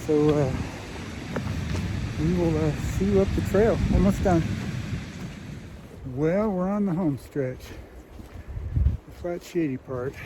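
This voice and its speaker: A man vlogging from a mountain trail while ill and weak, speaking haltingly with many fillers. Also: a little high, background noise. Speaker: hiking vlogger. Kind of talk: casual trail vlog talk to camera.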